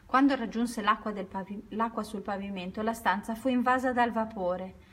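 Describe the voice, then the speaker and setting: A woman reading a children's story aloud at an unhurried pace, now and then correcting herself. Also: a little high, steady tone, fairly bright tone.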